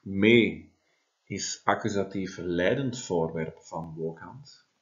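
A man's voice: low-pitched, slow pace, dull audio. A man, teaching a Latin translation lesson and explaining step by step with frequent tag questions. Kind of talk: classroom lesson.

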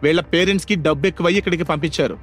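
A man voicing a mocking young male college student who taunts his rival loudly. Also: a little high, very fast, soft background music, lightly acted. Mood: taunting. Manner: taunting, loud.

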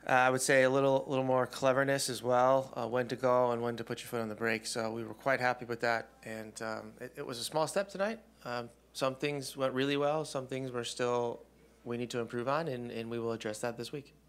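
A man in his forties at a postgame press conference speaks into a desk microphone in a press room. His voice sits at an ordinary middle pitch. He answers steadily and thoughtfully, pausing with frequent ums. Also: fairly even intonation, clean tone. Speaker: head coach. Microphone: desk mic on stand.

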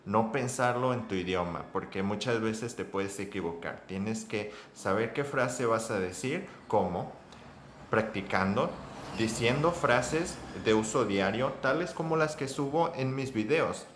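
Low-voiced man teaching in a roomy echo. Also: a little slow, a bit bright, slight background noise. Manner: chatty, addresses viewers as chicos and amigos, frequent ok. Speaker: English teacher. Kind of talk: casual spoken lesson.

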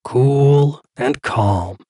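Man playing a calm therapist, very slow soothing delivery, husky voice, dry. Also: medium pitch, dry recording, voice pushed up. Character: calm male therapist guiding meditation.

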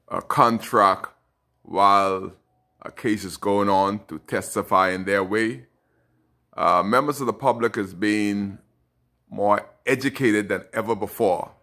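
A man's voice: fairly low pitch, a bit bright. An older Bahamian man in his late fifties, a local elected official, speaking emphatically and indignantly into a phone held close. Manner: indignant and emphatic, slow and deliberate. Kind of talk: direct-to-camera social media message. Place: bright indoor room. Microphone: phone held close, selfie framing.

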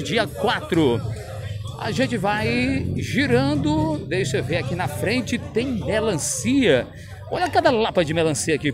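Northeastern brazilian guy vlogging a street market, lively up-and-down voice, chats and laughs, music playing behind. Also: high voice. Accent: Northeastern Brazilian Portuguese. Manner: lively, chatty, laughs often, calls out prices. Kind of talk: casual market walk-around vlog.

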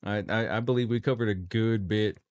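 A man's voice: on the low side, a little fast, a little mellow, dry recording, clean studio sound. Easygoing man co-hosting a podcast. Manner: easygoing, agreeable, laughs often. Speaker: podcast co-host. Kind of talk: casual podcast chat.

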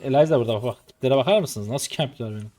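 A man's voice: mid-range voice, very fast, warm tone. A man in his twenties from Turkey, streaming his gameplay live and commenting in frustrated mutters and sudden outbursts. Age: 20s. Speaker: game streamer.

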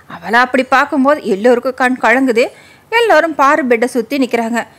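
A woman's voice: sits high, lively intonation, a little fast, fairly bright tone. A woman narrating a serialized story in a casual reading style, mixing in English words and voicing every character's lines in her own voice.

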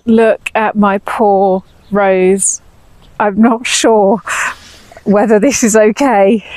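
An English-accented vlogger in her fifties talks to camera on a lapel mic while pruning outdoors in her cottage garden, chatty and a little anxious. She has a mid-range, slightly mellow voice, and the recording is dry and rough.

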